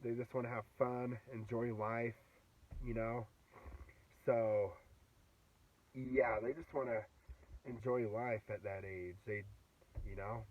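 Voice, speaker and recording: A man's voice: mid-range voice, fairly even intonation, takes it slowly, pauses often. A man in his twenties with a sore throat from a cold, rambling through a casual vlog from inside his car, full of fillers and restarts. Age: 20s. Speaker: vlogger. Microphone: phone. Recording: dull, distant phone audio in a car.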